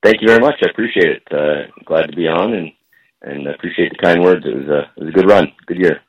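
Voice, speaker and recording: A man being interviewed as a guest coach, heard over a phone line and building his answers slowly with many pauses. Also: deep voice, breathy edge. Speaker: guest strength and conditioning coach.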